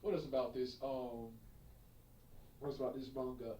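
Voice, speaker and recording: A man giving an unscripted spoken review, halting, with many fillers and restarts and repeated phrases. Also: medium pitch, steady tone, dark tone. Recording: echoey room, voice far from mic.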